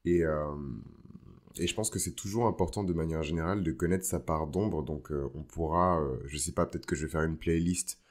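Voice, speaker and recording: Very low-voiced man, casual podcaster. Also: steady tone, brisk, slight background noise. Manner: informal, with English slang mixed in. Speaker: podcast host. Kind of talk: casual astrology podcast monologue.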